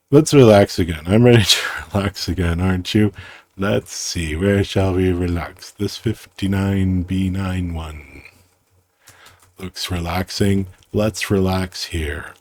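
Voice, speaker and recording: Low-voiced man, slow, halting and playful, explaining his own system over a dry close mic. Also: a little mellow, dry recording. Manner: halting, self-interrupting, playful, muses aloud. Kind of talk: casual rambling screen-recorded explanation.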